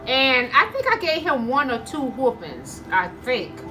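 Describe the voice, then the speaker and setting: Chewing between phrases, a mukbang vlogger chats with her viewers, calling them y'all and acting out bits of dialogue as she tells stories over her meal. Her voice sits high and sing-song, a little slow, and the recording is rough.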